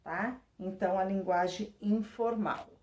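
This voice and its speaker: A woman teacher, reading and explaining a textbook lesson at an even, patient pace. She keeps checking in with her students through tag questions. Her voice sits a little away from the microphone in a roomy space. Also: medium pitch, a little slow, distant mic. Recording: roomy sound, voice away from the mic.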